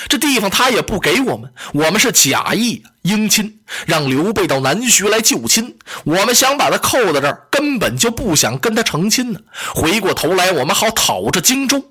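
A male storyteller voicing an anxious young king pleading with his angry mother in a flustered, hurried way. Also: high-pitched, big pitch swings, bright, forceful tone, slightly rough, full character voice.

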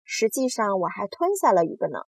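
A woman voicing a grumpy, indignant male earthworm in a storybook reading, complaining in a shrill voice. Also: very animated, brisk, husky, no room sound.

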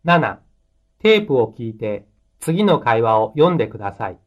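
A man narrating scripted language textbook exercises, dictating instructions and items one by one in a measured way. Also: mid-range voice, big pitch swings. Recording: dull lo-fi lesson tape.

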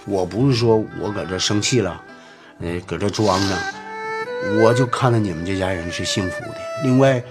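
An actor playing an earnest rural man who talks persuasively and haltingly in a TV drama. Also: fairly low pitch, loud music behind the voice, lightly acted. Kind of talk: TV drama acting.

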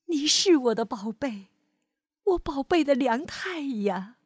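A woman voicing a gentle, loving mother dinosaur who speaks in a tender, soothing way, in a spoken storybook. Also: high voice, lively intonation, takes it slowly, dry recording, clean studio sound, voice pushed up.

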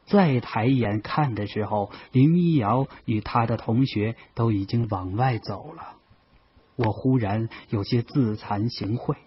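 A man calmly narrating a novel in the first person. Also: medium pitch, a little hiss or hum. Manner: calm, measured storytelling. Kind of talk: audiobook narration. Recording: dull lo-fi audio.

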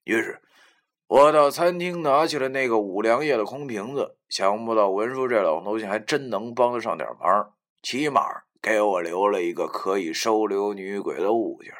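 A man narrating a first-person novel, often sinking into a breathy whisper. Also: on the low side, moderate pace, fairly bright tone. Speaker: audiobook narrator.

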